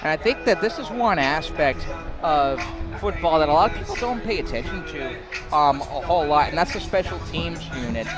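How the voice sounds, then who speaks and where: A young man giving live college football play-by-play, excitable, rising to shouts on big plays and sometimes stumbling over his words. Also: on the high side, brisk, music in the background. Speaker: play-by-play commentator.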